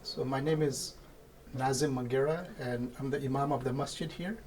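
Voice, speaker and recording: A man from India, an imam, answering interview questions in a measured way and laying out his points one by one. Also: medium pitch, darkish tone, a little hiss or hum. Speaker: imam of a mosque.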